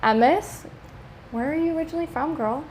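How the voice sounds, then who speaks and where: Podcast host, a woman with a slightly higher voice, upbeat and slangy, faint hiss behind. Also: a little fast, a little mellow. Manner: upbeat, slangy, encouraging interviewer. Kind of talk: casual chat.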